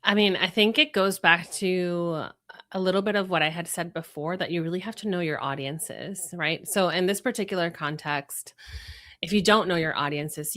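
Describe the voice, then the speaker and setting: Speaking in a fairly low, slightly bright voice, a Venezuelan brand strategist whose first language is Spanish lays out her ideas in a podcast interview. She leans on examples and rhetorical questions to make her points.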